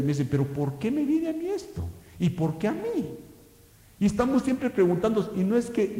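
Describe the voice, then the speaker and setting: Man, pastor preaching, fairly high voice, echoey church hall, long reverb. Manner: impassioned preaching with sharp swings in loudness and pitch. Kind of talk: sermon.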